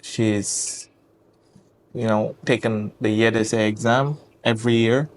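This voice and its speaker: A Senegalese man in his twenties, the host and founder of a project, runs a casual interview chat, praising warmly, laughing often and saying "yeah" again and again. His voice is low and steady, his pace slow, with a little hiss or hum in the recording.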